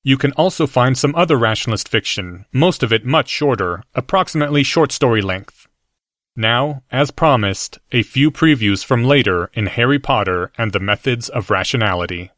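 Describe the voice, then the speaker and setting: Steady male audiobook narrator. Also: mid-range voice, dry recording. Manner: steady, measured reading.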